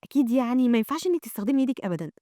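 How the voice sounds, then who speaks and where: A mocking young male mage from a storybook summary speaks with an Egyptian accent, read by a woman. He scolds in quick, sarcastic bursts, in a fairly high voice that sits dry and close. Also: animated, mellow, no room sound, close to an everyday voice. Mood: scolding. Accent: Egyptian Arabic.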